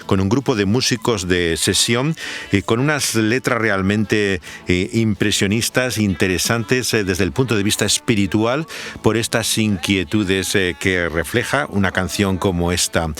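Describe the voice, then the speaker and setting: A man hosting a reflective radio program, speaking in a measured, thoughtful way with frequent pauses. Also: sits low, a bit bright. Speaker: radio host. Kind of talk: reflective radio talk on scripture and music.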